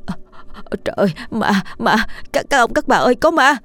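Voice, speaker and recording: A woman's voice: fairly low pitch, animated, fairly quick, darkish tone, slightly rough, no echo. A woman voicing a timid teenage village boy who stammers in panic in a ghost story. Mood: terrified.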